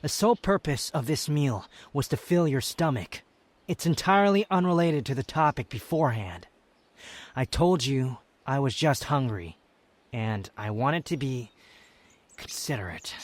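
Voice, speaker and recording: A man's voice: mid-range voice, expressive, moderate pace, close to an everyday voice. A man playing a proud, prickly young wanderer who hides his affection, curt and scornful, in a scripted ASMR roleplay spoken to the listener. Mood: defensive, flustered. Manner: haughty, curt, scornful, defensive.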